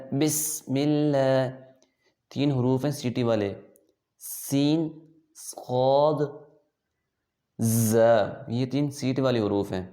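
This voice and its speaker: A man with a Pakistani Urdu accent gives an online Quran lesson in a dark, mellow voice. He explains each letter patiently, then recites in slow, drawn-out phrases for students to repeat. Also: mid-range voice, echoey room. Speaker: Quran teacher.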